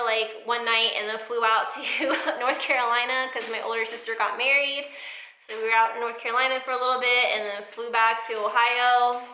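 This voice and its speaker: An American woman giving a casual, rambling vlog update in an informal, chatty way, recorded in an echoey room with high ceilings. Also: sharp tone. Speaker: sewing vlogger. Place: indoors in new home, bare high-ceilinged room.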